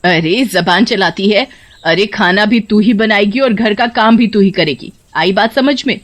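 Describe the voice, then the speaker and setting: A woman's voice: medium pitch, measured pace, close to an everyday voice. Woman doing a harsh scolding mother-in-law. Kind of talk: storybook voice acting.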